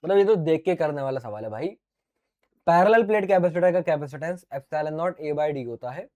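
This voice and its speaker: A high-voiced, middle-aged man teaching physics to exam students in an online lecture. He is lively and playful, talks to the viewers as his dear children, and stages little back-and-forths by answering his own questions the way a student would. His voice is getting a little sore from talking so much. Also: moderate pace. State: sore throat.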